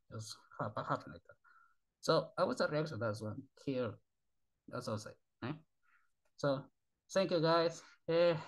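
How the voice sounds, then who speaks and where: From a small bedroom, a weary man who hosts a channel talks to his viewers through a desk webcam. His Spanish-native English is broken, halting and repetitive, punctuated by sighs, and his voice is on the high side.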